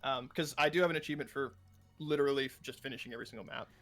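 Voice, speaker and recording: A man's voice: medium pitch, rapid-fire, creaky, a bit bright, soft background music. A man chatting casually with a friend while they play a game, laid-back and often chuckling. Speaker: gaming guest. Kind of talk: casual gaming chat.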